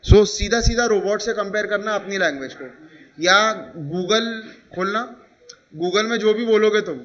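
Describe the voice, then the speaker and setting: High-voiced Indian man teaching a class. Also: normal speed, fairly bright tone, muffled recording. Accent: Indian English. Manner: explains with examples, asks "ठीक है?" again and again. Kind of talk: classroom lecture.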